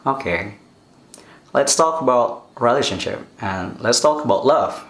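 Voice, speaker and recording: A man's voice: medium pitch, lively intonation, takes it slowly. A man talking casually to his vlog viewers in a chatty, reassuring way, switching between Indonesian and English. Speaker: vlogger. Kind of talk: casual talk to camera. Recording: echoey room with soft guitar music.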